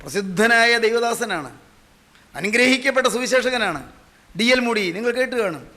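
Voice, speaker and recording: An older man with a Malayali accent preaching a sermon, asking rhetorical questions, repeating phrases and dropping to a hushed voice to tell a story. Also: extremely high pitch, expressive, moderate pace.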